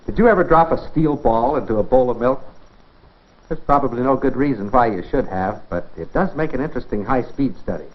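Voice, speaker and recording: Animated and fairly quick, this mid-range male voice belongs to an American narrator of a scripted 1950s educational science film. He speaks straight to the viewer, posing rhetorical questions as he instructs, and the soundtrack is dull and band-limited in period fashion.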